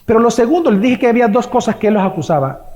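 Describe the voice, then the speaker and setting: A man preaching a Sunday sermon, emphatic, swinging between loud declarations and hushed asides. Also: very high-pitched, lively intonation, rapid-fire, lo-fi sound. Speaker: pastor. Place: church sanctuary. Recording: long hall reverb.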